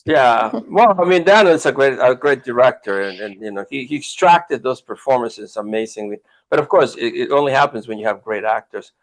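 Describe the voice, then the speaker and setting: A man hosts a film podcast, asking long questions that stop and restart over and over. His voice sits at an everyday middle pitch, and his talk is full of fillers. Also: animated, poor audio. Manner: halting, many restarts and fillers. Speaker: podcast host. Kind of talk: interview chat.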